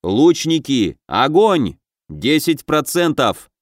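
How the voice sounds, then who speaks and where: A man reading the part of a quick-tempered young raid leader, shouting commands at his team in a higher, louder voice. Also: big pitch swings, dry recording, studio quality. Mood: commanding urgent.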